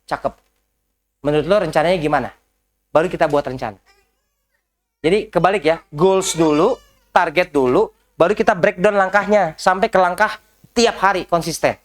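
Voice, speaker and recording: A man's voice: high-pitched, normal speed, pauses often. A man giving a motivational business coaching talk to a group indoors, speaking straight to them with rhetorical questions and slipping English business phrases into his talk. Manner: lively, talks straight to the audience with rhetorical questions. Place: indoor session in a house.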